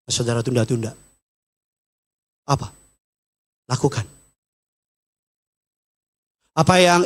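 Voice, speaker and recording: A middle-aged man preaching a sermon, animated and teasing, acting out the people he quotes. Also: on the high side. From Batak. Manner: animated, acts out quoted people in raised voices; jokey, teasing asides. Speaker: pastor. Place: church stage.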